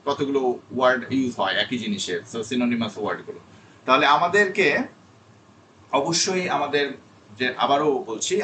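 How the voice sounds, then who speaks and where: A man's voice: fairly high pitch, fairly bright tone, far from the mic, slight background noise. A man teaching an online spoken English class, explaining patiently and repeating key words.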